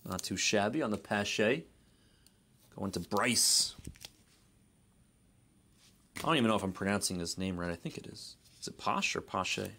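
This man hosts a live card break with easygoing running commentary, often unsure how to pronounce names. His pitch is fairly low and his delivery animated at a normal speed, with frequent pauses and a sharp tone.

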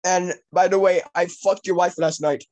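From a small room at home, a teenage boy makes prank calls in a voice that sits high, darkish in tone, with fairly even intonation and a moderate pace. His casual banter is crude and foul-mouthed.

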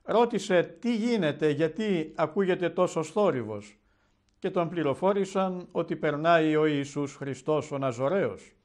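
A man, an Orthodox bishop, preaching a televised Gospel sermon in a measured, solemn storytelling manner. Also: fairly high pitch, darkish tone.

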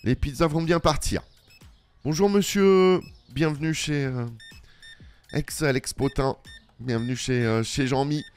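A man's voice: mid-range voice, steady tone, measured pace, clean tone, soft background music. Playful man role-playing a cashier. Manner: playful, talks back to unheard boss and customers. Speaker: let's play gamer. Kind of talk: improvised role-play commentary.

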